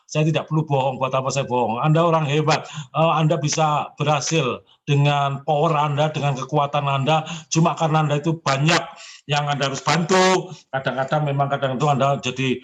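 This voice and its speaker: On a call, a man in his seventies gives personal zodiac readings as a fortune consultant. His voice sits a little high and moves a little fast, and he speaks encouragingly and emphatically while addressing the listener with respect.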